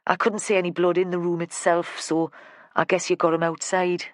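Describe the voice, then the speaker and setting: A reader voicing a blunt middle-aged female detective, gruff and matter-of-fact, with dry humour. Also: fairly low pitch, flat delivery, moderate pace, dry recording, close to an everyday voice. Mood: probing.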